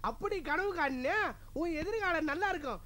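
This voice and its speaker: A man's voice: very high-pitched, animated, moderate pace, full character voice. An actor playing a frightened husband and father in a comedy film, whining and cracking jokes in a panic. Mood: joking. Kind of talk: Tamil film comedy acting. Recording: film audio with loud music.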